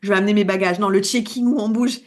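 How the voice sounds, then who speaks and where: A woman with an accent in French, a coach giving a casual, lively video lesson and laughing at herself as she talks. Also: medium pitch, fast. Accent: non-standard French accent. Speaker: wellness coach.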